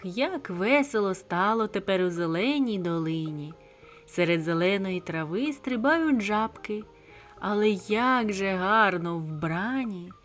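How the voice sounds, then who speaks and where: A woman narrating a bedtime fairy tale in a slow, gentle storytelling manner. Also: medium pitch. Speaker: audiobook narrator. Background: soft background music.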